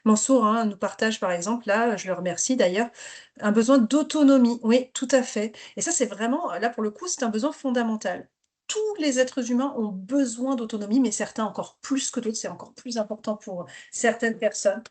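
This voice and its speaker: Over a video call, this woman runs a webinar for teachers as a trainer, inviting participants to share in the interactive workshop. She speaks at a moderate pace in a slightly high voice with a darkish tone.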